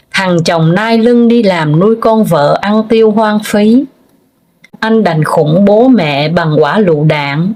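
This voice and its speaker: A woman reading a family story aloud as a narrator, in a measured, even way. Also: medium pitch.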